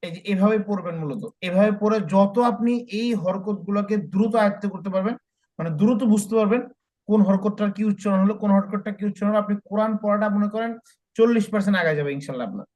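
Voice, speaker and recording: A male Quran teacher leading a lesson, chanting Arabic letter-and-vowel drills slowly and then explaining quickly. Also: sits high, darkish tone, muffled recording. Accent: Bangladeshi Bengali. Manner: slow syllable drills, then brisk explaining.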